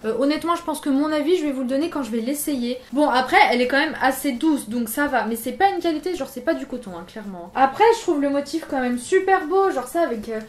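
Speaking quickly with lively intonation and barely a pause, this high-voiced young Frenchwoman runs through a clothing try-on haul in a relaxed, jokey, self-deprecating way. She's a fashion YouTuber, recorded in a roomy-sounding indoor space under artificial lighting.

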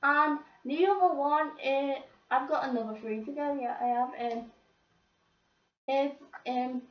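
A teenage girl vents her pet peeves to camera with plenty of swearing. Her voice sits high and she talks at an unhurried pace. The sound is roomy, a bit distant from the mic and dull, like a cheap home recording. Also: steady tone. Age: teens. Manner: swearing, exasperated complaining. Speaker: vlogger. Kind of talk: ranting to camera.

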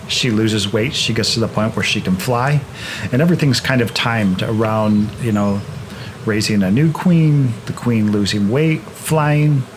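A man explaining swarming while working his beehives in a grassy yard, in a relaxed manner with frequent restarts. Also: fairly low pitch, background noise. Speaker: beekeeper, channel host. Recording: outdoor recording with insect buzz behind.

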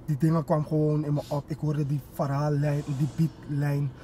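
A man's voice: a little high, completely flat delivery, normal speed, mellow, a little hiss or hum. A young man chatting casually and telling personal stories in street slang mixed with English, with repeated filler phrases. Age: young adult. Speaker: rapper, guest. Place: inside a parked car.

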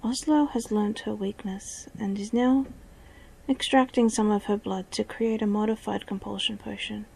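A woman voicing a brooding, troubled young male wolf in a soft, partly whispered voice. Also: medium pitch, steady tone, moderate pace, creaky, slightly rough, poor audio.

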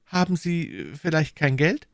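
In an audiobook, a man voices a tender, frightened young woman, pleading anxiously in a raised, fairly high, sing-song voice as acted dialogue. He speaks at normal speed, and the recording is dry and clean, studio-made, with the voice pushed up.

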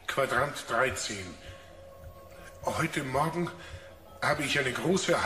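Actor as a slow, reverberant uneasy scientist. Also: male voice, medium pitch, natural voice. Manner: deliberate, hesitant. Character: uneasy male scientist logging a field report. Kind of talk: German radio play acting. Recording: echoey, long reverb, music behind.

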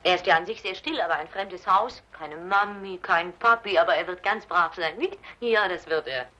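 A woman's voice: lowish voice, moderate pace, sharp tone. A woman dubbing a doting middle-aged wife and new grandmother in a German film, fussing and cooing.

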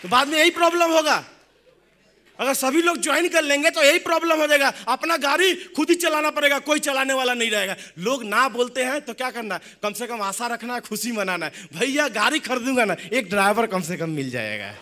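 A young man giving a motivational talk, telling jokes and stories in an animated way. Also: very high voice, a little fast, some chatter behind, a little hiss or hum. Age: young adult. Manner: animated, joking storytelling. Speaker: motivational speaker.

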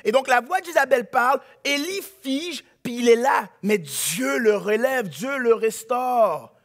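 A male pastor, preaching a sermon in a church, dropping to a hush and then rising to a shout. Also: extremely high pitch, lively intonation, a little slow. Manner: dramatic preaching, swings from hushed to shouting.

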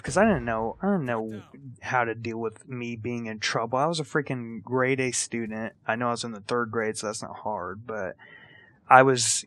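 A young man with a mid-range voice tells a casual story over gameplay. He's a storyteller and gaming video creator, retelling events in an animated way, acting out quotes and swearing casually.

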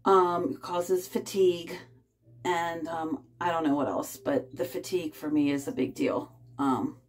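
A vlogger in her fifties, sitting in a bathtub in a small bathroom, records a casual personal vlog on a phone held close. Her low voice stays steady while she rambles haltingly, full of fillers.

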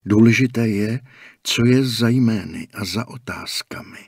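A man voicing a hushed, cryptic old attendant. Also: on the low side, no echo, clean studio sound. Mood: calm, cryptic. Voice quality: husky, hushed, half-whispered. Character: calm, cryptic older male gas station attendant. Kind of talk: audiobook character voicing.

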